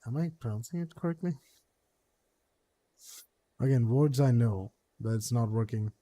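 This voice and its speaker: Mellow-voiced man stumbling through a read-aloud. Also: mid-range voice, normal speed. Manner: stumbles over words, repeats and restarts. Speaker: streamer reading a story game aloud. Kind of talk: casual read-aloud of game text.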